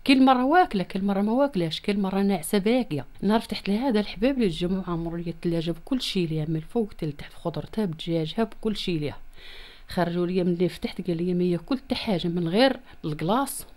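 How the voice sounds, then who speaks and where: A woman in her thirties with a Moroccan accent makes a plaintive, insistent personal plea for help during an interview in a small room at home. She speaks rapid-fire in a low, slightly mellow voice into a handheld reporter's microphone held close to her mouth.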